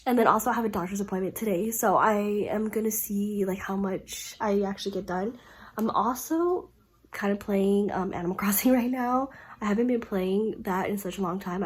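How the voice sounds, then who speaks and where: A young woman talks casually in a reading vlog, her voice nasal and stuffed up from being sick. She rambles along with plenty of "like"s and loose restarts at an ordinary middle pitch. She is recording at home. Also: a little fast, breathy edge. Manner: rambling, filler-heavy talk with many "like"s. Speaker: book vlogger.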